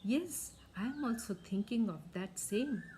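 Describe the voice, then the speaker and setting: A woman storyteller voicing a vengeful, scheming spirit from a folk tale, speaking deliberately. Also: a little high, animated, dark tone, slight background noise.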